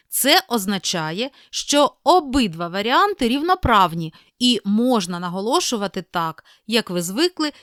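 Clear, lively woman teacher narrating. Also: mid-range voice, dry recording, studio quality. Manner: clear, deliberate, slows to spell out example words. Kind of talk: scripted lesson narration.

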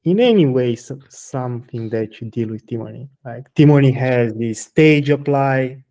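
A man interviewed as a guest about his software project, speaking hesitantly with frequent restarts, then answering bluntly. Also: mid-range voice, moderate pace. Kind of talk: technical interview.

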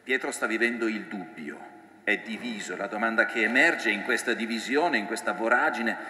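A man's voice: on the low side, normal speed, pushed and bright. A priest giving a reflective sermon, voicing the scripture he quotes with feeling. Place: church. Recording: echoey church with long reverb.

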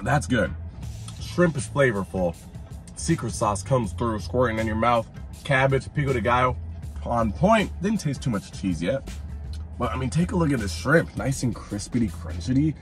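Lively slangy man reviewing food. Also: mid-range voice, moderate pace, soft background music. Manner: animated, slangy, chatty. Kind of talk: casual food review vlog.

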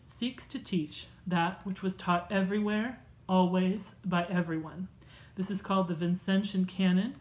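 A woman in her thirties at home, reading a church class lesson from her notes in a measured, earnest way with a few fillers. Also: on the low side, darkish tone, low-quality recording. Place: home room with bookshelves.

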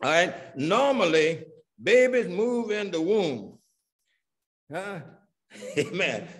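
Guy teaching sunday school, kinda higher voice, keeps going "what?" and answering himself, amen after every point. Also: sing-song, slow. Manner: chuckles now and then between points. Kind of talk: Bible study teaching.

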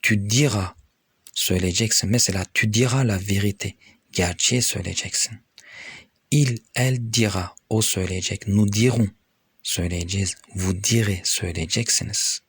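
A man's voice: fairly low pitch, husky, dry recording. A man with a Turkish accent teaching French grammar, patiently reading out verb forms and explaining each one. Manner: patient, addresses viewers as friends, reads conjugations slowly.

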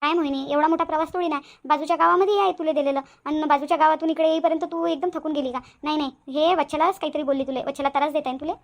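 A woman's voice: high-pitched, steady tone, racing, hardly any pauses. Woman doing a stern, worried village mother. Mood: worried questioning. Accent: Varhadi Marathi. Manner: pressing, stern questioning.

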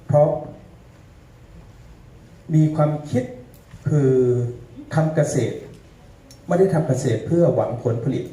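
A man's voice: on the high side, lively intonation, slow pace, long pauses, warm tone. A man moderating a live panel, chatting and teasing the audience between introductions. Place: event hall with an audience. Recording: echoey hall, distant mic, faint room noise.

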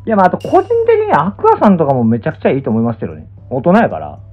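A young man with a Kansai accent talks off the cuff in a casual stream chat. His pitch moves around a lot as he muses and hedges. The sound is narrow and phone-like, with faint music underneath. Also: wildly swooping pitch, rapid-fire. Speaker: pro gamer and streamer. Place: small indoor room, lying down. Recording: muffled, thin phone-like audio.

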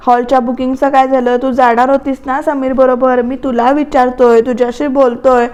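A woman's voice: sits high, little pitch movement, normal speed, a little mellow, clear, resonant tone, dull audio, close to an everyday voice. A woman reading out the lines of a retired father who questions insistently, in her own voice. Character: retired father, stern and easily angered.

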